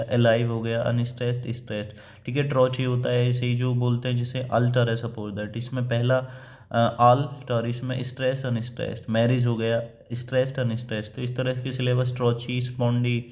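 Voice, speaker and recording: A man's voice: medium pitch, a little mellow. Man lecturing on poetry. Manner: explains step by step, with frequent filler pauses; reads quoted English lines slowly and deliberately. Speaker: assistant professor teaching English poetry. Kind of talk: classroom-style lecture.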